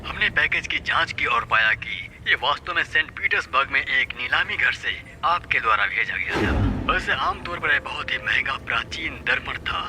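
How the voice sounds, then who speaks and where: A man voicing a police detective leaving a voicemail on an answering machine, in a measured, reassuring official tone. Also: mid-range voice, background noise. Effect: voicemail message played from an answering machine.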